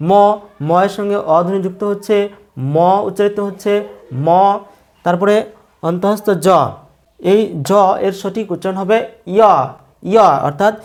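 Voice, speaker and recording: Teacher voice, mid pitch, methodical, repeats every sound for learners. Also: little pitch movement, a little mellow. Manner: slow, repeats each sound several times. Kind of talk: pronunciation lesson.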